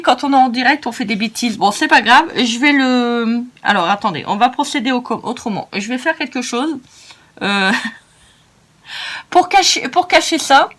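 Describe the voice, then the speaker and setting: A French-speaking woman hosts a crafting tutorial, narrating each step in a chatty, self-mocking way. Her voice is slightly high and a bit bright.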